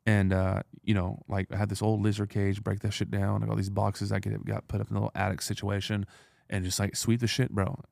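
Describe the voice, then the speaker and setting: Gravelly, blunt man telling stories. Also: fairly low pitch, darkish tone, no room sound, clean studio sound. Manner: blunt, profane, streetwise slang. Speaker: entrepreneur guest. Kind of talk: casual storytelling.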